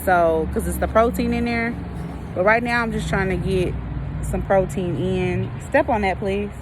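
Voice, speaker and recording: A woman's voice: mid-range voice, fairly even intonation, measured pace, noisy background. An American woman chatting casually to her viewers in an informal, folksy, rambling way, often drawing out hesitant phrases. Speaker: vlogger.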